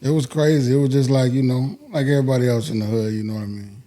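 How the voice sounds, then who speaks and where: A man's voice: medium pitch, fairly even intonation, quick pace, dark tone. A man from New York and Georgia chatting casually as an interview guest, slangy, often adding you know what I mean. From New York, then Georgia from about age eleven. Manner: slangy, often tags phrases with 'you know what I mean'. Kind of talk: casual street-talk chat.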